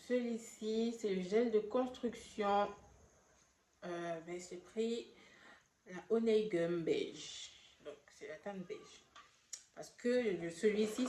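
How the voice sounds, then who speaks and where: Slow, chatty French woman in an echoey room. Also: mid-range voice. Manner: chatty, hesitant, stumbles over product names. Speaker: beauty vlogger and makeup artist. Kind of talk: casual product haul chat. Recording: echoey room, faint background noise.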